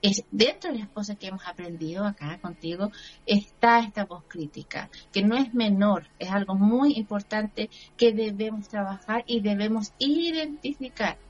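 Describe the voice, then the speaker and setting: A woman's voice: mid-range voice, moderate pace, dull audio, faint music behind. A woman with a Chilean Spanish accent, talking earnestly as a personal growth coach and checking that her listener agrees. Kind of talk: motivational talk show chat.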